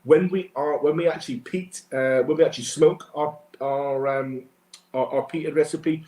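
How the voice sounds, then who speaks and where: A man's voice: on the high side, fairly even intonation, normal speed, dark tone. Man giving whisky tasting notes, echoey room. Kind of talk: sommelier-style tasting notes in a casual live webcast.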